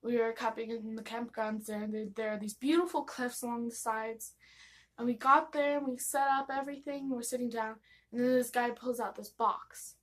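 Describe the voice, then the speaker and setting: A young American woman with a fairly high, steady voice talks at a moderate pace. She's doing casual confessional storytime in a vlog, sharing personal stories in a gossipy, giggly, rambling way and acting out bits of dialogue along the way.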